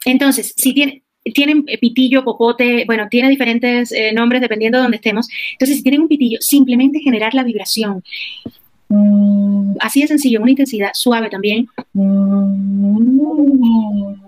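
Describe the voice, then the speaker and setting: A woman talks as a vocal coach in an interview, explaining with the warmth of a teacher. Her voice sits a little high and moves along at a quick clip. The sound is close and dry. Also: dry recording. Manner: warm, animated teacher explaining with examples. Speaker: vocal coach, podcast guest.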